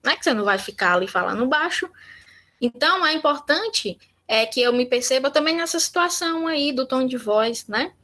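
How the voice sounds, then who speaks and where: Bright high-voiced Brazilian workshop teacher. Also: female voice, animated, brisk. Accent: Brazilian Portuguese. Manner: conversational, acts out sample dialogues. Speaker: workshop instructor. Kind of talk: online workshop talk.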